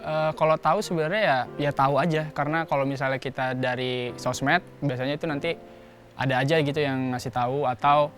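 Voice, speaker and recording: A man's voice: medium pitch, fairly even intonation, brisk, a bit bright. Young man, mid-range voice, easygoing rambling talk, faint music. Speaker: panel guest. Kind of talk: casual discussion.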